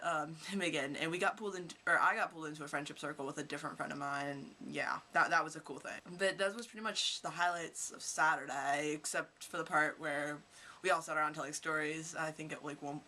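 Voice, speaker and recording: There's a slight hiss or hum behind this medium-pitched, sharp-toned voice. It belongs to a teenage vlogger and high school student from Kentucky, casually rambling through stories for the camera.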